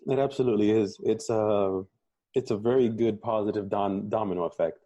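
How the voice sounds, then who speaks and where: Speaking at a brisk clip in a lowish, mellow voice with fairly even intonation, this fitness podcast host and coach keeps the interview casual. He affirms his guest and tends to repeat words as he thinks, and there's no echo.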